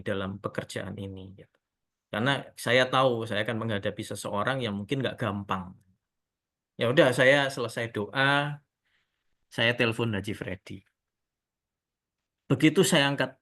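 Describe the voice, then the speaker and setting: A man telling a testimony story in a relaxed, conversational way, often addressing his listeners as friends. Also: medium pitch. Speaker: speaker giving a testimony.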